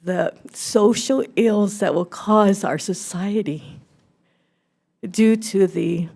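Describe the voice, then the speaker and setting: A middle-aged woman giving earnest, halting public testimony at a podium microphone in a legislative hearing room. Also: medium pitch, vocal fry, mellow.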